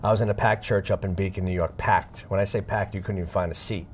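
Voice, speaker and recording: A man's voice: low voice, steady tone, fast, slight background noise. Man telling a dramatic testimony. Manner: dramatic, swinging between hushed and loud; acts out dialogue in his retelling. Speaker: guest sharing a testimony. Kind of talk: emotional storytelling.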